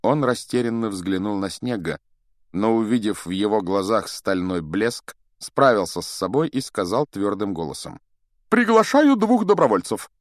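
A man reading a children's fantasy story aloud in an animated, expressive way and voicing each of its characters. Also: lowish voice, normal speed, no room sound, clean studio sound. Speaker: audiobook narrator.

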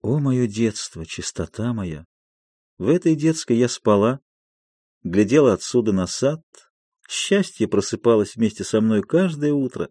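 A man's voice: mid-range voice, animated, unhurried, mellow, no room sound, clean studio sound. A man voicing a middle-aged noble lady, nostalgic and tearful, reading an audiobook of a play. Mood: wistful. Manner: wistful, emotional.

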